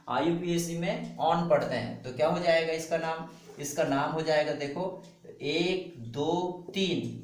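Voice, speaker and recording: A man's voice: fairly high pitch, a little hiss or hum. A man teaching a chemistry lesson, repeating each step and quizzing the class with questions as he goes. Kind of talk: classroom lecture. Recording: echoey room, distant mic.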